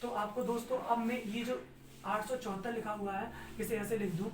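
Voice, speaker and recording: A man's voice: high voice, normal speed. Man teaching math in a roomy space. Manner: asks the class questions and answers them himself; steady, step-by-step explaining. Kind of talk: exam-prep math lesson. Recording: roomy sound, distant mic, faint noise.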